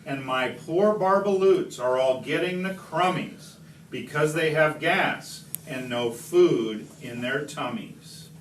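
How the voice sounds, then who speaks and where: A man's voice: on the high side, slow pace. A man reading as an indignant storybook creature who guards the trees, insistent, reproachful and declamatory. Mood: scolding, reproachful. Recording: distant mic, echoey room, background noise.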